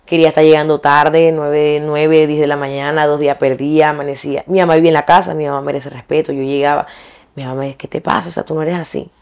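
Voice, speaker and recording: A woman's voice: low voice, flat delivery, fast, a little mellow. Frank young woman singer. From Colombia. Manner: frank, colloquial, reflective with hesitant restarts. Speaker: vallenato singer, interviewee. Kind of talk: candid interview conversation.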